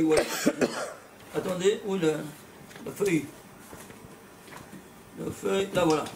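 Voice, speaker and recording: A man teaching a religious class, animated and blunt, firing rhetorical questions at his students and repeating words as he goes. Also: very high-pitched, slight background noise. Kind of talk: lively religious lecture to a small class. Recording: echoey room, voice from far off.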